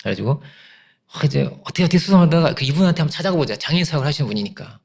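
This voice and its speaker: A man preaching a Sunday sermon as pastor, telling a story in an animated way, acting out quoted voices and trailing off into fillers and restarts. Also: fairly high pitch, racing, vocal fry, husky.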